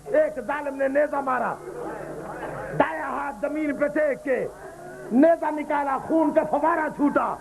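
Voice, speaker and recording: A man's voice: very high-pitched, vocal fry, rough recording. A man reciting a mournful lament at a mourning gathering, wailing and pleading with his listeners. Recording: live gathering with crowd noise. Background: crowd of mourners.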